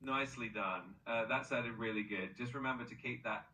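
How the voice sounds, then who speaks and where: A man's voice: medium pitch, normal speed, pushed and bright, reverberant, far from the mic, low-quality recording. A male-sounding AI voice assistant coaching pronunciation, upbeat and encouraging with frequent praise.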